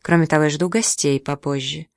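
A reader voicing a sharp-tongued young woman who snorts and teases, in a storybook reading. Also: low-pitched, fairly even intonation, brisk, vocal fry, dry recording, studio quality. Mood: teasing. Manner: mocking, teasing.

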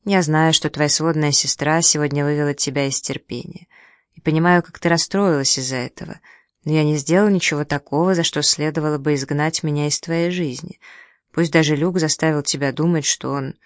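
A man's voice: on the high side, fairly even intonation, a little fast, clear, resonant tone, dry recording, studio quality, close to an everyday voice. An audiobook reader voicing a young man who pleads and defends himself. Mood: pleading. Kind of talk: audiobook dialogue.

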